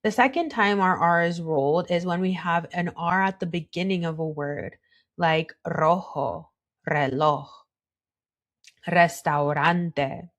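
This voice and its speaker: A young adult woman teaching Spanish pronunciation, patient and encouraging, modelling each sound slowly. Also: lowish voice. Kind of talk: slow, calm pronunciation tutorial.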